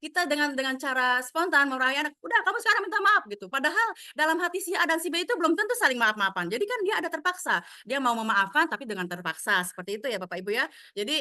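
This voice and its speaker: A woman's voice: sits high, lively intonation, very fast, sharp tone, no room sound, studio quality. A woman teacher explaining a training module to fellow teachers, speaking to them directly and acting out quoted scoldings from parents and children. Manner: explanatory, addresses listeners directly.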